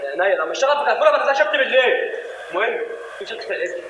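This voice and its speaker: An actor with an Egyptian accent playing a quick-tempered male thief leader who scolds his sidekick in a comic stage play. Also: very high-pitched, big pitch swings, very echoey, background noise. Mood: bossy. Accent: Egyptian Arabic. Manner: scolding, fast-talking. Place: theater stage.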